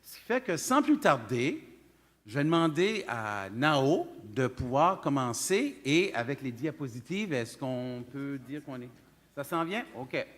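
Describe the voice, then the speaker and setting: A man with a Quebec French accent hosting a live stage event informally, in halting, folksy phrases, in a reverberant hall. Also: mid-range voice, sing-song, fairly bright tone. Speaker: event host. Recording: reverberant hall sound through PA.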